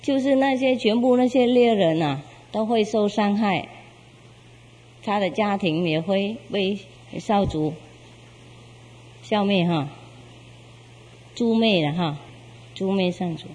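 A woman teacher tells a spiritual parable in a loose, meandering way, full of fillers and small chuckles. Her voice sits in a middle pitch. Long reverb from a large hall surrounds her. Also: slow pace, pauses often, darkish tone, slight background noise. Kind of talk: casual storytelling.

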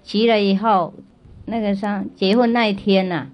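A woman's voice: mid-range voice, fairly even intonation, normal speed, darkish tone. A woman spiritual teacher telling a story to children in a chatty way, often repeating herself and asking if they follow. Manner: chatty, checks in with listeners often; repeats and restarts phrases. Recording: dull lo-fi recording.

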